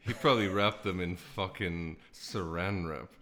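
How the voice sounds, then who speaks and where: A man's voice: low-pitched, a little slow, fairly bright tone. A young man co-hosting a casual podcast, sweary and mocking, laughing often. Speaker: podcast co-host.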